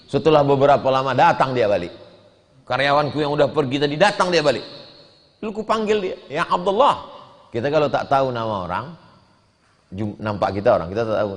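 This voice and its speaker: Lively preacher in an echoing hall. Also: male voice, mid-range voice. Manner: animated storytelling, quoting and translating Arabic. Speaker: religious teacher. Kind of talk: sermon. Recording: long hall reverb.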